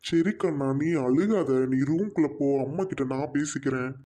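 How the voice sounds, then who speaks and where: Brief: woman doing a low, dark-toned, easygoing cartoon dad from Tamil Nadu. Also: moderate pace, natural voice. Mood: soothing. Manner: soothing, dismissive. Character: calm easygoing middle-aged father.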